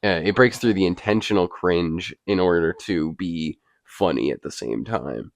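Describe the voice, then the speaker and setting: Man, deep voice, co-host of a relaxed film chat; earnest and analytical, with long explanations. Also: moderate pace, creaky, no room sound, clean studio sound. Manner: defends his view with analysis. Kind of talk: casual movie discussion.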